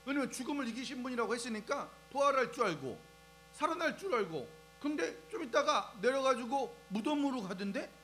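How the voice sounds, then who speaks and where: A man preaching a lively sermon to young people, asking the crowd questions and acting out scenes as he goes. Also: very high voice, brisk, low-quality recording. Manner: animated, asks the crowd questions and acts out scenes. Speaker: preacher at a youth service. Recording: faint music and mains hum behind.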